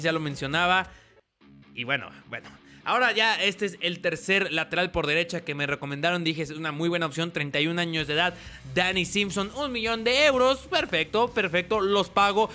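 A young man commentating his own football career-mode gameplay, breaking into excited play-by-play calls on the big chances. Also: high-pitched. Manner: excitable play-by-play, rising to loud calls on goals. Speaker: gaming YouTuber.

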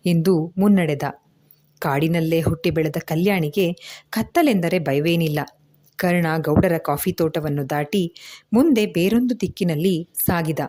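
A woman narrating a serialized novel as a storyteller, in steady literary style. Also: lowish voice. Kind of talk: scripted audiobook narration.

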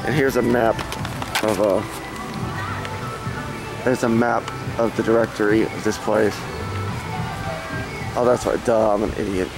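A man's voice: on the low side, fairly even intonation, a little slow, long pauses, music in the background. A man hosting a casual vlog outdoors at a theme park, talking into a handheld camcorder in a chatty, self-mocking way. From Florida. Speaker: vlog host. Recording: noisy outdoor camcorder audio.

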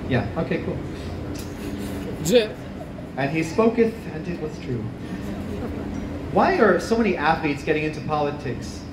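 A man's voice: unhurried, long pauses. Stand-up man on a rooftop stage. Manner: animated, rising to high yelps on punchlines. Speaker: stand-up comedian. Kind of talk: stand-up comedy set. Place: small outdoor rooftop stage with plants. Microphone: handheld mic. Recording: distant camera, roomy echo, noisy ambience. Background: live audience laughter.

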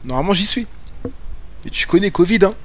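A young man streams a game from his home room on webcam, joking with viewers in slangy banter as casual gaming commentary. His voice is high-pitched, expressive, and brisk.

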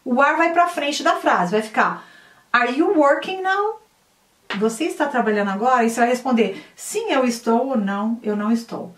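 A high-pitched woman teaching a casual lesson, chatty and patient, with slow, careful repetition of example sentences. She sits back from the mic in a room that rings with echo. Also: lively intonation, fairly bright tone. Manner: chatty, repeats drills slowly. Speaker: English teacher. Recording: echoey room, mic at a distance.

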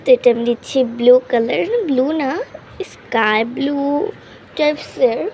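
Young woman, drawing vlog host, casual self-correcting chatter, mellow tone, home recording, faint background hiss. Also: high-pitched, fairly even intonation, normal speed. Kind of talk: casual drawing tutorial narration. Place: home room.

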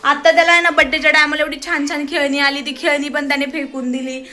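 A woman's voice: high-pitched, little pitch movement, fast, sharp tone. A young woman with a Marathi accent, a mother scolding her small son at home in a casual family vlog, exasperated and close to tears. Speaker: mother, vlogger. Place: home, indoors. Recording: noisy home phone recording.

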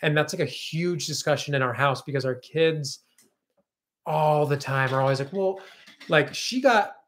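A man's voice: on the high side, fairly bright tone, slight background noise. Co-host, man, 30s, chatty livestream talker reading comments, webcam in a kitchen. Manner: chatty, reads viewer comments aloud. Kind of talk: casual livestream chat. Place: home kitchen, indoors.

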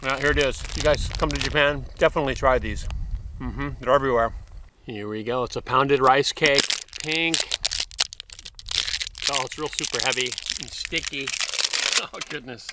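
Heavy background noise surrounds this food vlogger, a man in his fifties sitting at a bench in a wooded park. Speaking at normal speed in a mid-range voice, he casually reviews snacks to camera, full of mm sounds and exclamations.

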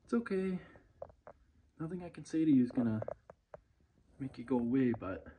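A man narrates his exploration in a tense, half-whispered voice while filming on his phone. His pitch sits in an ordinary middle range, and there is steady noise behind him. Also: normal speed. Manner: tense, hushed, talking to viewers. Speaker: urban explorer vlogger. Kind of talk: casual vlog narration. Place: inside an abandoned church. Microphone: phone camera. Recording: noisy phone recording.

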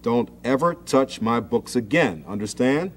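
A man's voice: mid-range voice, lively intonation, unhurried. A man reading a children's story aloud and voicing a stern, scolding older brother. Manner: scolding, then softer.

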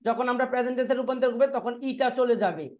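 A man's voice: very high voice, very fast, a little mellow, muffled recording. A man teaching a Korean language class online, drilling students by asking the same questions over and over and answering them himself. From Bangladesh.

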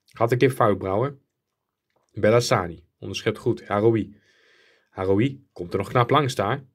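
A young man from the Netherlands giving rambling play-by-play commentary while playing a football video game, getting louder and higher at goals. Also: a little slow. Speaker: gaming YouTuber.

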